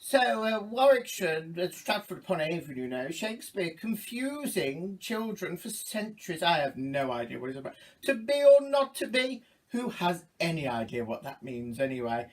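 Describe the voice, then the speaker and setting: A man's voice: fairly high pitch, big pitch swings, moderate pace, hardly any pauses. Man performing campy drag queen, boozy grand dame, theatrical, arch innuendo, comic monologue, slightly distant mic. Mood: tipsy, rambling.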